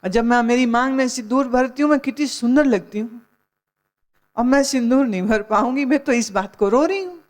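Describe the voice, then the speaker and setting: A woman's voice: a little mellow, close to an everyday voice. A woman doing a vain, mocking wife. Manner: brisk, higher-pitched mocking storyteller voice. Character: vain wife mourning only her lost adornment.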